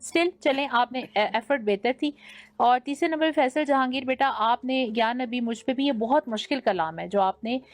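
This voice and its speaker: A woman's voice: fairly high pitch, normal speed, dry recording. A young woman with a Pakistani Urdu accent, judging a naat competition and giving teacherly feedback that mixes in English words. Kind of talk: judge's critique.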